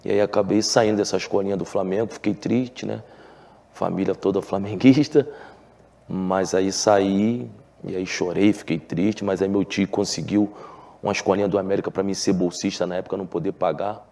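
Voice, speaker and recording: In a relaxed TV interview, a man who once played football recounts his life, earnest and full of filler tags and restarts. He's from Rio de Janeiro, Brazil, with a Carioca Portuguese accent. His voice is deep, warm and creaky, steady in tone, at a moderate pace.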